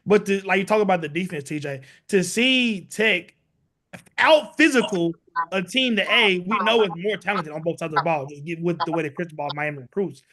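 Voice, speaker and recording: A man's voice: high-pitched, brisk, sharp tone. A man hosting a casual sports podcast, rambling through his points with many "you know" and "like" fillers.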